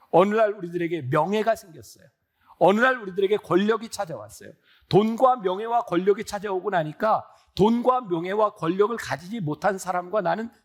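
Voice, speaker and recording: High-voiced man in his sixties preaching. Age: 60s. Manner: earnest, conversational preaching with rhetorical questions. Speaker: pastor. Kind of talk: sermon.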